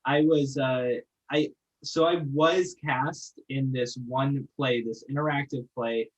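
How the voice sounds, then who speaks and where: Podcast guest, casual and animated, mid-range voice. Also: mid-range voice, dull audio. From Northeast Texas. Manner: animated, chatty, quick to laugh. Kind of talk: casual chat.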